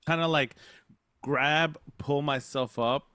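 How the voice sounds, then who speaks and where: A man's voice: fairly high pitch, fairly even intonation, slow pace, pushed and bright, clear, resonant tone, dry recording, clean studio sound. A man playing in a tabletop game, talking casually and rambling with lots of fillers. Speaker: player.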